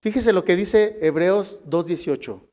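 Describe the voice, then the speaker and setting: Man, Mexican Spanish accent, preacher, unhurried sermon delivery, higher voice. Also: warm tone. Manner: addresses listeners as brothers, reads scripture aloud.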